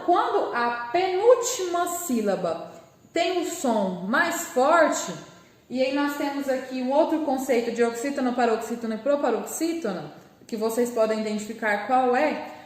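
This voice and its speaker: This Brazilian woman, a primary school teacher, leads a remote lesson for kids in a high voice with a Brazilian Portuguese accent. She is patient and slow, spelling words out syllable by syllable, and there's reverb on the audio.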